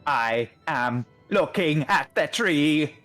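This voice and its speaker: A man voicing a stiff, formal android researcher in a video game, with a Dalek-like robot voice and slow, flat, measured speech. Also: a little high, faint music behind. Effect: Dalek-like robot voice done by mouth. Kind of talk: voicing a game character while streaming.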